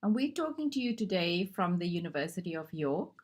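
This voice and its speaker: Low-voiced woman from South Africa. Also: very animated, a little fast. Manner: conversational, with hesitant fillers. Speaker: gender advisor. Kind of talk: recorded conference discussion.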